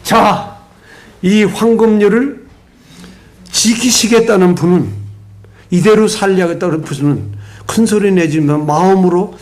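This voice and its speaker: An older man preaching a sermon in a strikingly high voice, moving between loud, emphatic bursts and low asides. He tells stories with energy and calls on the congregation to respond together. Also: a little slow, long pauses. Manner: leads the congregation in call-and-response. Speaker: pastor.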